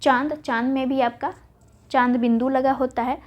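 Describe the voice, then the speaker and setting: A woman's voice: high-pitched, fairly even intonation, normal speed. A woman teaching spelling for an exam, reading out word pairs and answering her own questions. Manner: recites word pairs, asks and answers herself. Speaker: Hindi exam-prep teacher. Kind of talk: online lesson, spelling drill. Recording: dull lo-fi audio.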